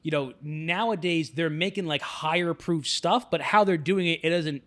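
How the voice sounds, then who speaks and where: A man's voice: a little high, normal speed. Chatty man hosting a podcast. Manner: relaxed, chatty, many fillers and restarts. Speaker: podcast host. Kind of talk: casual conversation.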